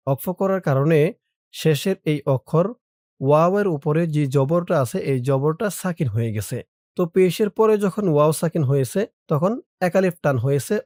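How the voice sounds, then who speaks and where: A man's voice: on the high side, dark tone, no echo, clean studio sound. A man teaching Quran recitation step by step, patiently explaining pronunciation and repeating phrases for viewers to copy.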